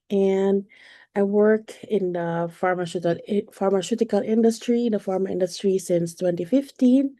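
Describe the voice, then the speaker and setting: A woman, a perimenopause coach giving a live online presentation in a halting way, with frequent fillers and self-corrections. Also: mid-range voice, warm tone, no echo, clean studio sound. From Philippines. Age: 40s.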